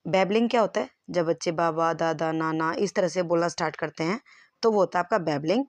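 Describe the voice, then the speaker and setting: A woman's voice: on the low side, fast, a little mellow, no echo. A woman teacher giving an exam-prep lesson, explaining terms step by step and checking if the class follows.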